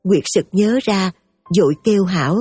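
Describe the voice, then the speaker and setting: A woman giving steady, emotive scripted story narration over faint music. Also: medium pitch, moderate pace, slightly rough, dry recording.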